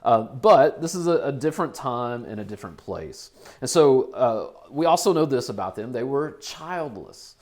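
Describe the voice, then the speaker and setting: A man's voice: medium pitch, very animated, normal speed, a little mellow. Man, 40s, pastor, chatty sermon delivery, repeats lines for emphasis. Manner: conversational, repeats phrases for emphasis. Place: church.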